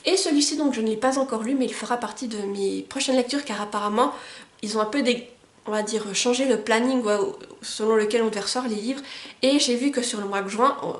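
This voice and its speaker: A woman with a slightly high voice talks through her new books in a relaxed, eager vlog. She often stops to read a back-cover summary aloud. The room around her sounds roomy and echoey. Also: a little fast. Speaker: book vlogger. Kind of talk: casual book haul vlog. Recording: roomy echo.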